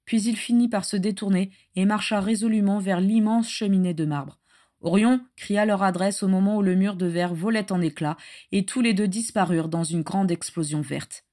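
A woman reading a story aloud in steady narration. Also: medium pitch, normal speed. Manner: steady narration with acted dialogue. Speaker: story reader. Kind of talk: reading fan fiction aloud.

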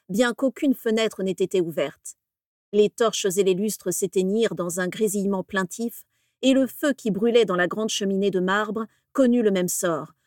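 A woman narrating a story in a measured, steady audiobook reading. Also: mid-range voice, no room sound, studio quality.

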